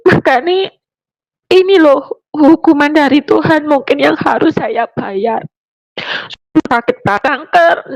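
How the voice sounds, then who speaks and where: A middle-aged woman, telling a personal testimony in an animated, emotional way. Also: sits high, no room sound, low-quality recording. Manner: animated, acts out the people she quotes.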